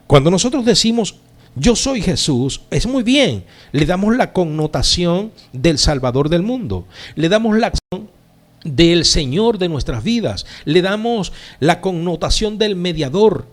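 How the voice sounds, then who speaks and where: A man preaching a sermon as pastor, slow and emphatic with dramatic pauses. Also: fairly high pitch.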